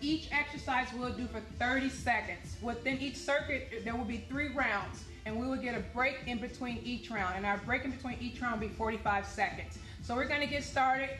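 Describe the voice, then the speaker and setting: High, bright-voiced woman aerobics instructor, echoey room. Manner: motivational, directive coaching in short cues. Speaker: fitness class instructor. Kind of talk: aerobics instructor leading a workout, giving cues and counts. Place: medium-sized indoor activity room with hard floor. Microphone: camera or phone a few steps away. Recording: echoey room, camera a few steps away, music.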